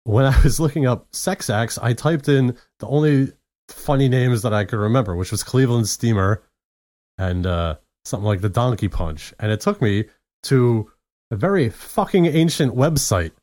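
A man's voice: mid-range voice, animated, moderate pace, a little mellow. A man co-hosting a podcast in casual chat, playful and rambling, often laughing. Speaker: podcast co-host.

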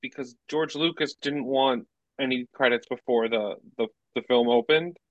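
A man's voice: medium pitch, normal speed, dry recording, narrow, tinny audio. A man co-hosting a movie podcast in casual chat, rambling and restarting his sentences. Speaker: podcast co-host.

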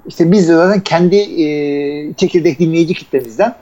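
A man's voice: on the high side, normal speed, warm tone. Man talking over a phone line. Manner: loose, rambling talk with many fillers. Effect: voice heard over a phone line. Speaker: podcast co-host. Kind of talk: casual chat.

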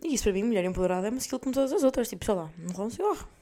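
A woman's voice: a little high, expressive, rapid-fire, mellow. A woman in her twenties with a European Portuguese accent, hosting a podcast and telling stories in a chatty way, swearing freely and mixing in English words. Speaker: podcast host. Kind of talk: casual monologue, storytelling.

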